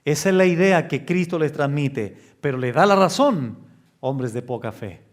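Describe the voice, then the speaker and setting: A male pastor preaching an expository sermon in a slow, emphatic way, often raising his pitch for stress. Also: expressive.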